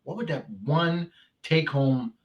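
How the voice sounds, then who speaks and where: A man's voice: on the high side, unhurried, lo-fi sound, crowd noise. A man hosting a casual interview, often repeating and restarting his words. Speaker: host.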